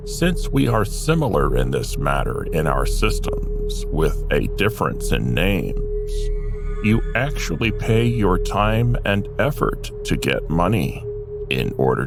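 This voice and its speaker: Over background music, a male storyteller narrates a scripted fantasy tale in the first person as an otherworldly being. He explains it deliberately and directly to the listener in a low, creaky voice.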